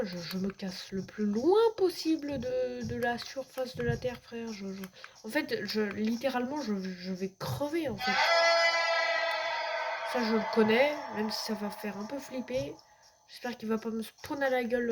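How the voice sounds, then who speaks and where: Woman streamer, higher voice, jumpy and foul-mouthed, whispery asides, clicky noisy recording. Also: unhurried. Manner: jumpy, swears a lot, drops into whispers. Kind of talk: let's play commentary.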